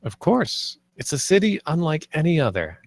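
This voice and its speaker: At a screenplay table read, a man plays Marty, an earnest, idealistic theme park planner who is nervous yet visionary. He sounds enthusiastic but a little hesitant, with a gravelly, sing-song voice on the high side at normal speed. The performance is heavily acted, recorded at studio quality with no echo.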